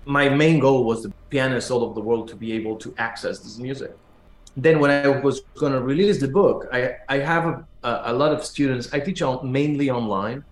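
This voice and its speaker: A male musician from Argentina, raised in Buenos Aires and a native Spanish speaker with an Argentine accent, is a pianist and teacher giving conversational interview answers and telling stories. His mid-range, medium-pitched voice is halting, repeating words as he searches for phrasing, in an echoey room.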